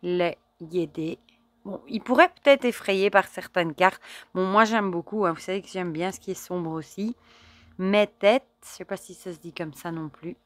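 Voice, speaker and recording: Chatty woman with a lowish voice. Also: normal speed, dry recording. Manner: chatty and admiring, with soft murmured asides. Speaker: card reader and oracle deck reviewer. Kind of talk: casual unboxing chat to viewers.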